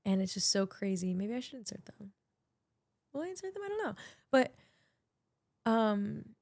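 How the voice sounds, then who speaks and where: Gravelly-voiced young woman podcast host. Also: medium pitch, darkish tone, no room sound. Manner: chatty, emotional, many filler likes. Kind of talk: casual reflective monologue. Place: small podcast studio.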